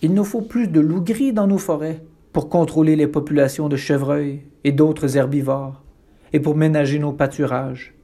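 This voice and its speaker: A man's voice: a little high, fairly even intonation, normal speed, mellow. A man voicing an earnest young girl who is an animal-rights activist, talking in an indignant, preachy way.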